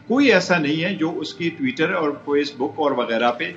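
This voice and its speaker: A man's voice: fairly high pitch, lively intonation, a bit bright, reverberant, highs cut off, slight background noise. A male lawyer arguing as a guest on a live TV debate, insistent and repeating phrases as he makes his point.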